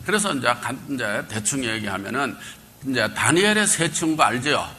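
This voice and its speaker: A male pastor giving a Bible lecture, quizzing his congregation and calling for answers, swinging between loud bursts and quiet asides. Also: mid-range voice, very animated, moderate pace, slight background noise. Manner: quizzes the congregation, call and response.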